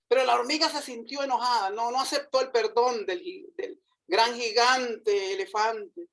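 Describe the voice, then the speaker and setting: Conversational preacher. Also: male voice, extremely high pitch, fairly even intonation, unhurried, creaky, a bit bright, rough recording. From Costa Rica. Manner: conversational, frequent rhetorical tag questions. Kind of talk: sermon.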